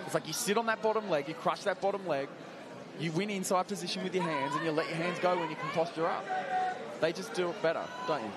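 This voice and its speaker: A man's voice: a little high, fast, very noisy. A man giving live play-by-play and analysis as a commentator at a cage fight. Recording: loud crowd behind the commentary.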